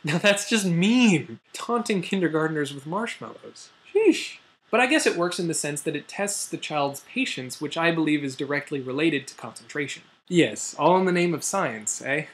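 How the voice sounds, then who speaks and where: Speaking to camera for a science news video show, a young American man delivers a chatty, semi-scripted explainer full of jokey asides and mock exclamations. His voice is on the high side with big pitch swings, at normal speed with hardly any pauses.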